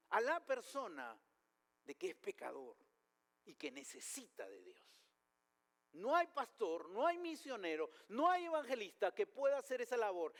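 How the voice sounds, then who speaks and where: A male pastor preaching a sermon in a high voice that rises and falls with animated swings. He speaks emphatically and poses rhetorical questions. The sound carries the long reverb of a church hall.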